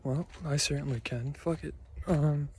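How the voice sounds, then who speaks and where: A man's voice: a little high, fairly even intonation, unhurried, a little mellow, a little hiss or hum. A young man with a Minnesotan accent, rambling and swearing casually as he vlogs from a cold park. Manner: rambling, swears a lot, filler-heavy, self-deprecating. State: tired. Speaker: vlogger.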